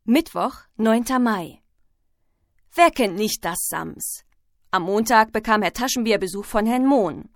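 A woman reading a children's storybook aloud, clear and even. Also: on the high side, no room sound, clean studio sound. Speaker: narrator.

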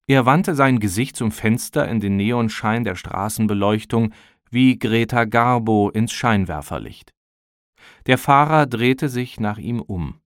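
A man calmly narrating an audiobook in a measured storytelling manner, close to the mic. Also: medium pitch, no echo. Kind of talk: scripted narration.

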